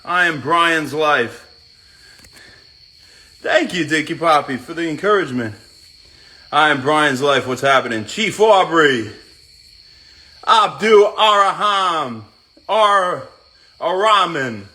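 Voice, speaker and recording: A man's voice: sits high, sharp tone. A man hosting a casual live stream, reading out viewers' names one by one and greeting each as he works out. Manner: chats while working out.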